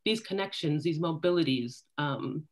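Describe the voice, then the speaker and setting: A woman speaking on a panel over a video call, building her points slowly and tagging them with "right?". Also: deep voice. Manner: thoughtful, tags points with "right?". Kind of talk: academic panel discussion. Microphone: laptop video call.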